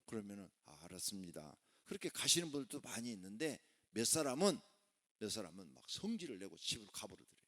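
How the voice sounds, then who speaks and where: A man's voice: medium pitch, very animated, fast, pushed and bright. A male pastor preaching a sermon, emphatic and conversational, often putting rhetorical questions to the congregation. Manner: conversational asides mixed with proclamation. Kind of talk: sermon at a Friday worship service.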